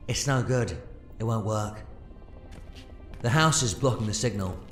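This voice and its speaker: A man's voice: on the low side, unhurried, echoey room, faint music behind. A man playing an eccentric, reassuring time-travelling adventurer in an audio drama, with a theatrical, whimsical delivery. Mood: grave, resolute. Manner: theatrical, whimsical, swings from hushed to exclaiming.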